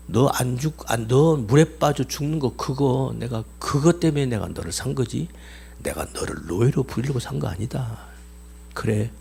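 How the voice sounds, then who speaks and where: A man voicing a calm, kind wealthy man who speaks quietly and gently, within a sermon story. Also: mid-range voice, gravelly, slight background noise, voice pushed down.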